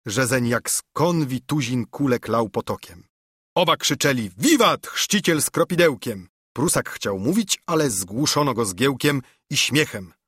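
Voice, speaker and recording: Male narrator, epic verse, expressive, husky voice, lively pitch. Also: no room sound, studio quality. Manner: expressive, rhythmic verse reading. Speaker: audiobook narrator. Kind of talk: reading an epic poem aloud.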